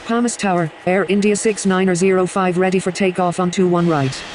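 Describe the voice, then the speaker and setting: A woman acts as a businesslike airline pilot over the radio in a flight simulator game. Her calls are procedural, with clear engine-like noise in the background. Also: on the low side, steady tone, brisk, a little mellow, natural voice. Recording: noisy radio with engine-like ambience.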